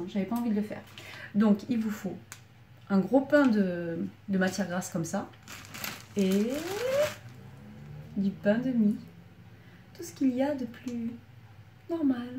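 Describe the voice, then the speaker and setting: A woman giving a casual cooking demonstration in her small back kitchen, chatting to viewers as she works, with a slight frog in her throat. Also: a little high. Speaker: home cook. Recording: echoey kitchen, mic far off, loud background noise. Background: clattering pans and utensils.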